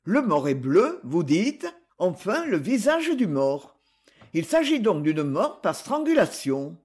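A gruff police commissioner, dry and a little mocking, speaks in measured tones, as a male narrator reads him. The voice sits high for a man, with a husky grain and a lively lilt. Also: full character voice. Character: gruff, ironic middle-aged police commissioner.

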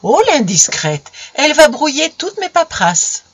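A smooth, mocking young politician, as a narrator plays him, never loses his composure and teases with glib replies. The voice is husky and the reading sounds dull and dry. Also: high-pitched, animated, normal speed, fairly bright tone, no room sound. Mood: flustered. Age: young adult. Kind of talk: audiobook character voice.

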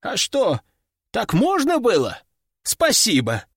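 A man's voice: high voice, huge pitch swings, takes it slowly, slightly rough, dry recording, clean studio sound, voice pushed up, exaggerated voice. A man voicing a small, boastful, hungry male demon in an audiobook, snarling his lines. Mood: eager. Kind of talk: audiobook character voice.

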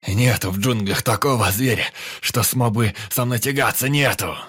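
A man voicing a hot-tempered wounded male fighter who shouts and boasts in a hoarse voice, read in an audiobook. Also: low voice, steady tone, moderate pace, no room sound, clean studio sound, natural voice. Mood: furious. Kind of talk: audiobook character reading.

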